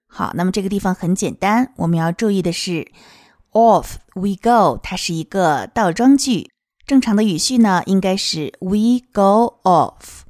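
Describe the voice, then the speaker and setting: A woman teaching English pronunciation of a children's song, modeling each sound slowly and clearly. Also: medium pitch, animated, darkish tone, no room sound, studio quality. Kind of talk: explaining song lyrics and pronunciation.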